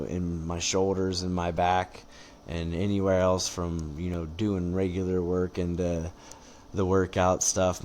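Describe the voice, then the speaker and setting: A man talking casually as a podcast guest, explaining things in a measured, rambling way. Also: deep voice, a little hiss or hum. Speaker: interview guest, combat sport competitor. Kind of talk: casual podcast interview chat.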